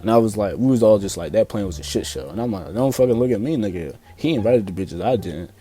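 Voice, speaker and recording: A man's voice: fairly low pitch, animated, quick pace, mellow, breathy edge. A young man with a Philadelphia accent telling a story in a loose, profane, slang-heavy way, full of fillers and restarts. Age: young adult. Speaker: storyteller vlogger. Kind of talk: casual storytime.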